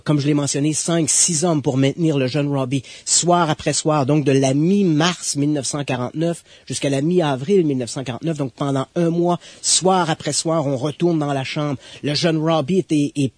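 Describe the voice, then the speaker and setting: A man, recounting an exorcism case in a conversational storytelling style, building suspense with emphatic pauses. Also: fairly high pitch, darkish tone, husky, no room sound. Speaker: guest expert.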